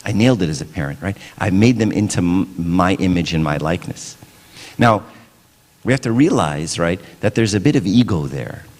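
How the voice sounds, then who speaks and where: Low-voiced man preaching in a reverberant church. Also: lively intonation, normal speed, darkish tone. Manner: casual, keeps asking "right?". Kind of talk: conversational sermon.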